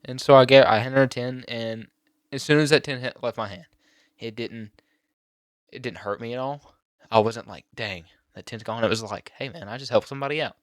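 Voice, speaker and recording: A teenage boy talking on his own channel, emotional and halting, near tears at times. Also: medium pitch, fairly even intonation, no echo, clean studio sound. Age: teens. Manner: emotional, halting with many fillers and restarts. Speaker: YouTuber. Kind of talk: personal vlog talk.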